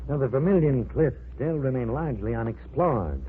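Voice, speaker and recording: A self-assured older archaeology professor, voiced by an actor, lecturing with lively rises and falls in his voice. The sound is tinny and thin, like an old radio broadcast with a faint hiss underneath. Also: medium pitch, lightly acted. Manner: authoritative, measured lecturing tone. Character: older male archaeology professor, confident, adventurous. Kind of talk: 1940s radio acting.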